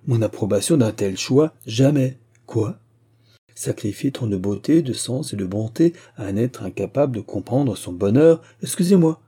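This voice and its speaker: A man reading an audiobook, voicing a smooth, flattering young gentleman with courtly, flowery speech, in a low, dark, husky voice. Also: normal speed. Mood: indignant.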